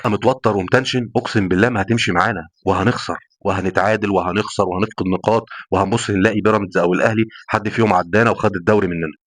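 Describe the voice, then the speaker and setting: Rapid-fire Egyptian man ranting about football. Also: lowish voice, fairly even intonation, no echo. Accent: Egyptian Arabic. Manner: emphatic, repeats phrases, swears oaths. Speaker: football fan commentator. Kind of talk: passionate post-match rant.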